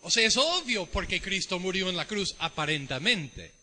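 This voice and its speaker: A middle-aged American man with an Ecuadorian Spanish tint preaches a sermon in a church. His voice sits high and rings very bright, and he keeps asking the congregation questions. A long church reverb trails after his words. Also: expressive, moderate pace, a little hiss or hum. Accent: American with Ecuadorian Spanish mix. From United States. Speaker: visiting preacher.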